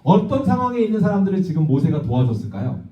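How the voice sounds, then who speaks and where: Lively man pastor telling a children's story. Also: on the high side, quick pace. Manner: lively, asks the children questions and acts out voices. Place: church hall. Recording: distant, echoey, dull church recording.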